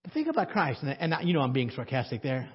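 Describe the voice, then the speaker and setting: A man's voice: mid-range voice, wildly swooping pitch, fast, husky. A male pastor preaching a sermon in a conversational way, asking the congregation questions and adding dry sarcasm. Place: church sanctuary. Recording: dull audio with long church reverb.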